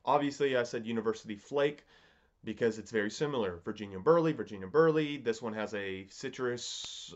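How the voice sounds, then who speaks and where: A man in his thirties talks casually to a camera in his home study. His voice sits at an average pitch, and he muses haltingly, circling back to reword his opinions as a reviewer. The sound is a little dull and lo-fi. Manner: halting and musing, repeats and rephrases himself. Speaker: pipe tobacco reviewer. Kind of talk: casual, unscripted product review.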